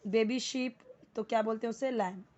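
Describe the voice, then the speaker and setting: A woman's voice: on the high side, moderate pace, darkish tone. A woman teaching an English vocabulary lesson, asking questions and answering them herself, repeating each word for practice. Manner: asks questions then answers them, repeats words for drill.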